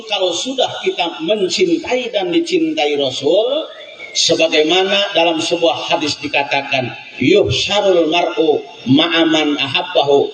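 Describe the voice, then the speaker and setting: A man preaching a humorous sermon, telling stories with acted voices and asking the crowd questions. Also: high-pitched. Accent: Indonesian. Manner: lively storytelling, acting out voices and asking the crowd. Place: prayer hall, loud room. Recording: echoey hall, from far off.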